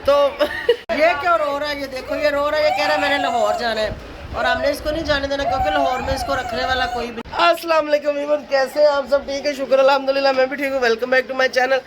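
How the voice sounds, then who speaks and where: A woman's voice: sits high, fairly even intonation, quick pace, crowd noise, background noise. A woman from Pakistan, chatting to camera in a casual family vlog, tired, laughing often and calling out to relatives. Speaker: family vlogger.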